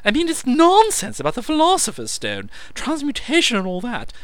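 A squeaky, shrill eccentric alchemist, bursting with manic excitement. He blathers breathlessly, his voice leaping high and loud, with a bright, sharp edge. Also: measured pace, no echo, exaggerated voice.

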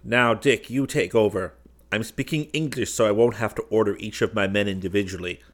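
Guy doing a commanding warrior prince, urgent, clipped orders, kinda low. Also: a little fast, close to an everyday voice.

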